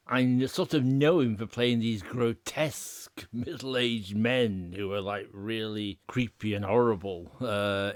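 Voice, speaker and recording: A man with a low voice talks eagerly on a podcast panel, laughing as he goes. The sound is dry and close, with no room around it. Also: no echo. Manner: chatty, enthusiastic, laughs while talking. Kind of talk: casual chat.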